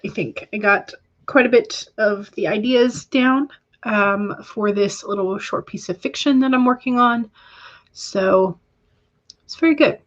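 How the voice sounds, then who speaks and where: A woman's voice: medium pitch, fairly bright tone, highs cut off. Chatty woman hosting a writing stream. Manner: chatty, with filler ums and self-corrections. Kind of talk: casual livestream chat reading viewer comments.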